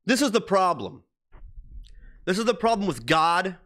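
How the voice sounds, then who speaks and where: In a high voice that sounds pushed and bright, a man hosting a livestream launches into a heated political tirade. He swears freely and keeps stressing his points over and over.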